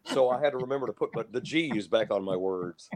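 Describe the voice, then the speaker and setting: An older man, a veteran sports broadcaster, answers questions in a casual interview. His speech is even and standard, with no regional twang. He is measured and opinionated, and his voice sits at an ordinary middle pitch. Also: crowd noise. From Lubbock, Texas. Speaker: guest, longtime basketball broadcaster.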